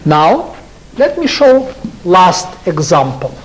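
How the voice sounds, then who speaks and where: An older man with a Russian accent giving a university lecture, speaking in halting English and asking his students rhetorical questions. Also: sits high, big pitch swings, a little hiss or hum, rough recording. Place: lecture hall.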